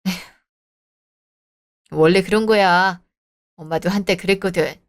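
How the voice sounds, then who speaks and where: A woman voicing a gentle middle-aged mother who speaks softly and with concern, in an audio drama. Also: fairly low pitch, measured pace, voice pushed down, close to an everyday voice.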